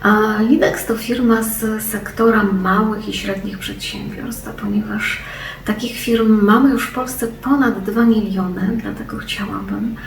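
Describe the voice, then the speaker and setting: A woman's voice: mid-range voice, fairly even intonation, unhurried, vocal fry. A woman giving a prepared company statement, hesitating often with fillers. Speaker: company representative. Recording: echoey room, distant mic, faint noise.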